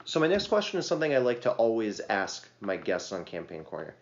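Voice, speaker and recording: A man's voice: fairly low pitch, big pitch swings, fast. A man hosting a casual podcast interview, asking questions and cracking puns. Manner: joking, punny. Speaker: podcast host. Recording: roomy, dull lo-fi podcast audio.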